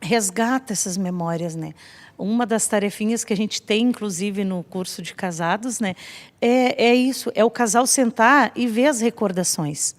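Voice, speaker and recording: A woman's voice: mid-range voice, normal speed, long reverb tail. A woman in her fifties from Brazil on a church family-ministry podcast, talking in an affectionate, conversational way. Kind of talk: casual church podcast talk.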